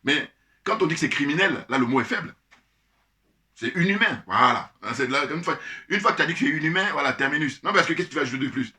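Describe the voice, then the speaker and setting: A man giving casual spoken political commentary, animated and indignant, with frequent laughs, fillers and restarts. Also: a little high, fast.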